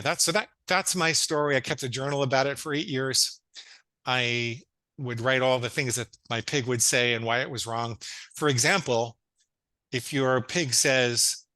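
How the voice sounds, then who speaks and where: Bright-voiced man in his fifties. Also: mid-range voice, no echo. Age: 50s. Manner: earnest storytelling with stammered restarts. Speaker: guest psychologist. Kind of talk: casual interview chat.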